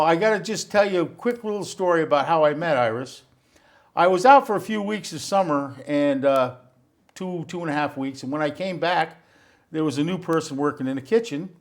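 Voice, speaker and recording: A man hosting an interview, telling a chatty story and asking friendly questions with fillers. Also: a little high. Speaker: talk show host. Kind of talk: casual interview.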